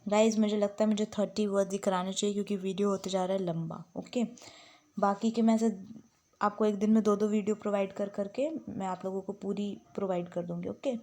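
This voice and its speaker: A woman's voice: mid-range voice, little pitch movement, a little fast, mellow. A woman tutor giving a spelling lesson, dictating words and spelling them out letter by letter, mixing English with Hindi explanations. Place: home room with some background sounds.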